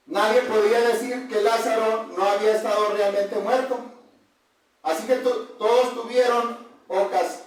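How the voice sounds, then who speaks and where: High-voiced preacher in an echoey hall. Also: male voice. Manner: conversational preaching, keeps asking the congregation questions and adding "hermanos". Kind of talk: sermon. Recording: very echoey room heard from a distance.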